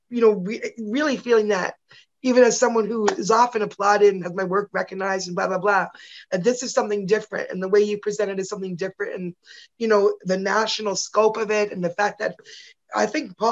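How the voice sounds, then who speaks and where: A woman in her fifties, a guest on a podcast, talking enthusiastically in a rambling way with many restarts. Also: medium pitch. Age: 50s. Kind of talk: casual interview chat. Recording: dull lo-fi audio.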